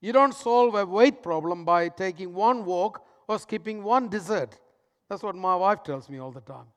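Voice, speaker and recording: A man with a high-pitched voice preaching a sermon in a big echoing church hall. He pushes some lines out loudly, then drops others to a near-whisper. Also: moderate pace. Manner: dramatic swings between loud emphasis and hushed, soft lines. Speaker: pastor.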